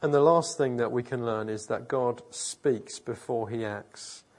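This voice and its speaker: A pastor with a medium-pitched voice delivers a conversational sermon at an unhurried pace. He preaches in an informal, earnest way, frequently restarting and correcting himself mid-sentence.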